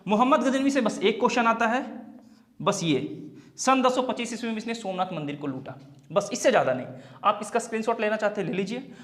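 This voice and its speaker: A man's voice: high-pitched, animated, quick pace, fairly bright tone. A man teaching an exam-prep history lesson, posing questions and then answering them himself. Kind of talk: classroom lecture.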